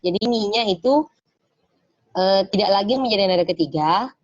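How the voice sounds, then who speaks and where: A woman teaching an online Mandarin lesson in a patient manner, explaining step by step and saying words slowly for her students to copy. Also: mid-range voice, lively intonation, no room sound, highs cut off. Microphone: video call.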